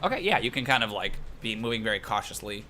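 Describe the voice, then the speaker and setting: A man running a tabletop game as game master, casual and animated, laughing often and narrating with lots of fillers. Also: on the low side, quick pace, a little hiss or hum.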